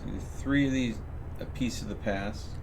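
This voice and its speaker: A live streamer with a fairly low voice talks casually at a moderate pace while playing a game, commenting on his moves and explaining things step by step in a rambling way. The recording is clear, with some background noise.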